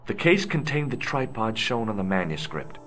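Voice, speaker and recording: George, a wry young adventurer. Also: male voice, lowish voice, normal speed, faint music behind. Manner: dry, sardonic, deadpan questions. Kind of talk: video game voice acting.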